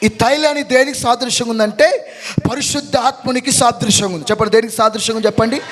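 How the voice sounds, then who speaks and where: A male pastor preaching a call-and-response sermon, urging his congregation to repeat phrases loudly and breaking into shouted hallelujahs. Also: very high voice, fast talker, slight background noise. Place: church service.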